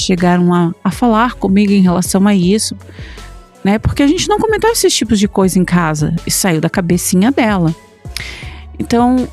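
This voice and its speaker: A woman with a Brazilian accent recounts her own supernatural experience as a mother, speaking in a halting, conversational way with many pauses and fillers. Her voice sits at an ordinary middle pitch. Quiet music plays faintly behind her. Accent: Brazilian Portuguese. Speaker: mother telling a personal account. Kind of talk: personal supernatural account.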